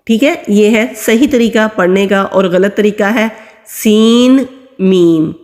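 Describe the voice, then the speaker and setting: A woman's voice: mid-range voice, steady tone. A woman teaching Quran reading, patiently explaining how each letter is pronounced and drawing out the sounds as she recites them. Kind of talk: step-by-step recitation lesson. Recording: long hall reverb.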